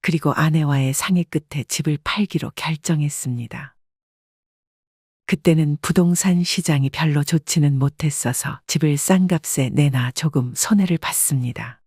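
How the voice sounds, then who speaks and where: A storyteller giving a measured, scripted audiobook narration in an even delivery. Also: mid-range voice, slightly rough, no echo, clean studio sound.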